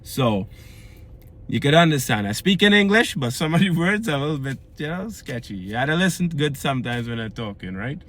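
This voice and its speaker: Fairly quick and sing-song, a man's medium-pitched, slightly bright voice carries a Trinidadian accent. He's a fitness vlogger from Trinidad and Tobago, earnestly and casually discussing losing weight and keeping it off, often adding "right?".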